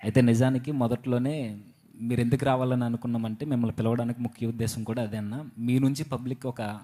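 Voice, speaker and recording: A man's voice: medium pitch, steady tone, fast talker, mellow. A man interviewing a pastor, asking polite, deferential questions.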